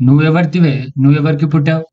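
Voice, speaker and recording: A man's voice: a little high, flat delivery, very fast, close to an everyday voice. A man playing a smug seat-hogging young man. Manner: smug, back-talking. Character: cheeky young man refusing to give up a bus seat. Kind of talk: cartoon voice acting. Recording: muffled, noisy, dull sound.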